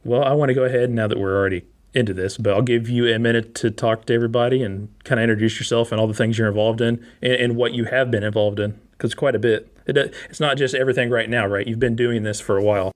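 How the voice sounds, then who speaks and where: A man's voice: mid-range voice, steady tone, fast, hardly any pauses. A man hosting a podcast, reading sponsor spots and chatting with his guest in an upbeat, enthusiastic way. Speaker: podcast host. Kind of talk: ad reads and interview chat.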